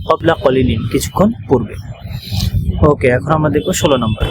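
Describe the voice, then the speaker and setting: Bangladeshi man teaching, noisy recording. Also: fairly high pitch. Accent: Bangladeshi Bengali. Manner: explains step by step, often asks checking questions; reads example phrases slowly, then translates. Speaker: Arabic teacher. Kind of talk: recorded online grammar lesson.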